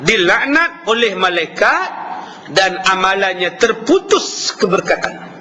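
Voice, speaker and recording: A man with a Malaysian Malay accent giving a lively religious lecture, acting out quarrels between husbands and wives. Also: high-pitched, a little slow, crowd noise. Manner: animated, acts out quarrels between spouses. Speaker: preacher. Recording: hall reverb with faint ambience.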